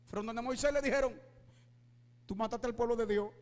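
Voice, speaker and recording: A male pastor preaching with fervor, shouting at his peaks and asking his listeners rhetorical questions. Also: very high voice, steady tone, a little fast, in a large hall. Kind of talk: preaching sermon.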